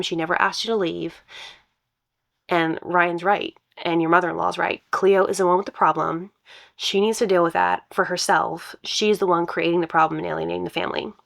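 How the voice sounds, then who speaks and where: Woman podcast host, hoarse n gravelly w lots of fry, casually reading posts out loud and commenting. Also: lowish voice. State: hoarse voice from allergies.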